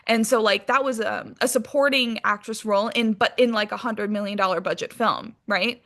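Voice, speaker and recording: A Hong Kong actress with a mid-range, slightly bright voice talks at a normal speed as an interview guest. She's casual and animated, swearing freely and saying "like" a lot while sharing career anecdotes.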